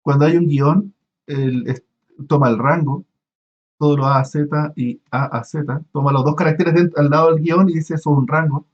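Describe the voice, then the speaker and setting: A man's voice: a little high, lo-fi sound. A man teaching an online university class, explaining step by step with many fillers and restarts. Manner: halting, many restarts and fillers, asks students questions. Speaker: university lecturer.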